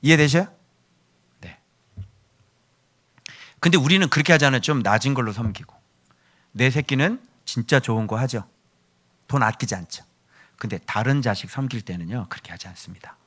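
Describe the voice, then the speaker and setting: A male pastor preaching a sermon, acting out quoted people and shifting between loud outbursts and hushed asides. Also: mid-range voice, animated, normal speed, long pauses. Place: church.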